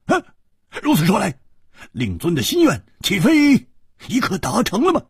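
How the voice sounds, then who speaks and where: A man voicing an excitable, hot-tempered male swordsman in a storytelling reading, talking high and stammering. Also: a little fast, slightly rough, no echo, clean studio sound, heavily acted. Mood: startled.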